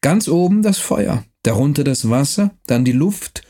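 A man voicing a frail, haughty old nobleman who speaks slowly in a thin, wheezing voice, with long pauses. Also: a little high, expressive, mellow. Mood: solemn. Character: frail old male nobleman, pipe-smoking, mystical, haughty.

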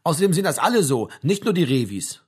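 A man's voice: a little high, very animated, fast, breathy edge, full character voice. A man reading an audiobook, voicing an exasperated young man who scolds his friend. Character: exasperated young man on the sofa, eager to please.

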